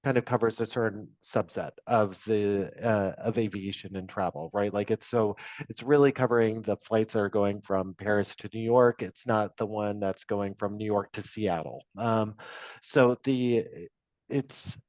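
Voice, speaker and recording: Man, low voice, rambling answers, dry, dull lo-fi call audio. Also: fairly even intonation, measured pace, a little mellow, no echo. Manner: rambling, many fillers and restarts. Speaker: panelist. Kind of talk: webinar panel answer. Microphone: video call.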